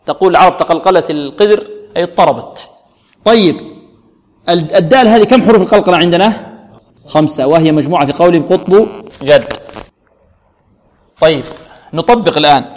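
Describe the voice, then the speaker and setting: A man teaching Quran recitation rules, asking questions and answering them, and slowly drawing out model readings. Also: on the high side. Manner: asks students questions then answers, drawn-out model recitation. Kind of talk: tajweed lesson, questioning and demonstrating. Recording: long hall reverb.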